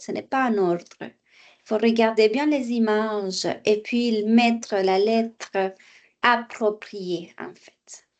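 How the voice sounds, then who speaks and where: A woman with a voice on the high side gives an online French lesson at an unhurried, deliberate pace. She explains the exercises patiently, repeats each phrase, and now and then slips into for her students.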